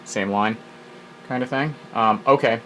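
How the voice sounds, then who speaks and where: A man's voice: medium pitch, measured pace, fairly bright tone, poor audio. Guy talking himself through a vintage computer program, mid voice, bit of hiss behind. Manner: muses aloud while reading prompts, wry asides. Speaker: retro computer hobbyist host. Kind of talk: casual think-aloud software walkthrough.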